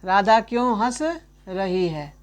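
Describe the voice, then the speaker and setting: High-voiced man teaching chattily. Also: smooth, dull audio. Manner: keeps asking "right?" and calling the listener "my friend"; repeats example sentences slowly for emphasis. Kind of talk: chatty online grammar lesson.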